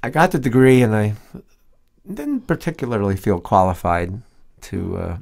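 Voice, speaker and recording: Middle aged guy being interviewed, voice a bit low, chatty, thinks as he goes, halting. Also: sing-song, creaky, darkish tone. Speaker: interview guest, cellist and music teacher. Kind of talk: informal interview storytelling. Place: radio studio.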